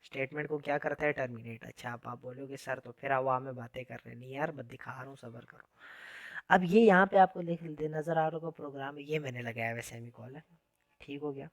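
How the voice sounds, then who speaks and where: A man's voice: medium pitch, fairly quick, vocal fry, no echo. A man giving a casual, chatty programming lesson in an informal, friendly way. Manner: chatty, informal, says "yaar" often. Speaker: programming teacher. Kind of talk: casual classroom lecture.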